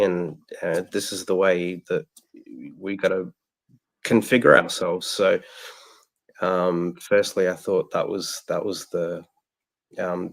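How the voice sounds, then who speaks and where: A man's voice: sits low, creaky. A man, a caller on a show, musing in casual chat with a tentative, meandering delivery.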